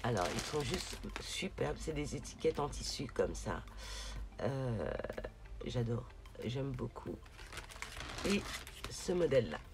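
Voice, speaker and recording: A woman's voice: a bass voice, sing-song, takes it slowly, pauses often. A woman showing her craft shopping haul in a casual video, often stopping with hesitations to search for words. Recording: noticeable background noise, crinkling. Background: rustling and crinkling of packaging.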